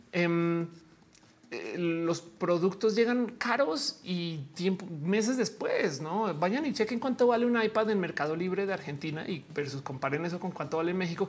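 Woman, live-stream host, casual chatter, reads the chat, laughs a lot, somewhat low voice. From Colombia. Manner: chatty and slangy, laughing often. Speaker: livestream host.

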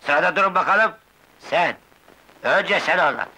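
A stern commissioner, sharp, commanding voice. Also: male voice, fairly high pitch, lively intonation, unhurried, a little hiss or hum, full character voice, poor audio. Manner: curt and commanding. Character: stern male police commissioner. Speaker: police commissioner. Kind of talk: 1960s film acting.

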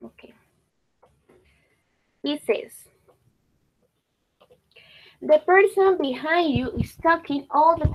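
A woman's voice: on the high side, a little hiss or hum, low-quality recording. A woman teacher leading a class, patiently repeating and praising student answers.

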